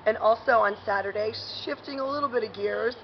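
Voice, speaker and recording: A woman's voice: on the high side, brisk, muffled recording, a little hiss or hum. A woman hosting a casual local events vlog, talking in a chatty, upbeat way with lots of fillers, outdoors in a parking garage while chewing gum. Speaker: host.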